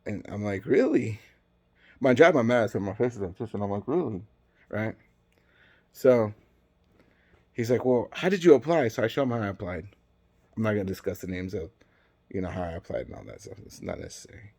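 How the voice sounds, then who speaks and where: A man's voice: on the low side, animated, brisk, pauses often. A man telling a personal story in a casual way, acting out the dialogue with conversational asides.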